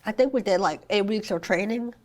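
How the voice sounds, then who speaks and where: A woman's voice: medium pitch, brisk, darkish tone. A young woman, a mother speaking earnestly in a podcast interview, full of "I mean" and "you know", recovering from an illness. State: recovering from illness, occasional cough. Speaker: guest, mother of a child with a rare condition.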